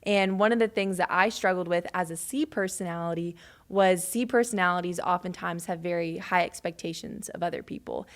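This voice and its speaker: A woman's voice: lowish voice, fairly quick. A woman co-hosting a ministry podcast, explaining things conversationally. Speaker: podcast co-host. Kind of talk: casual ministry podcast discussion.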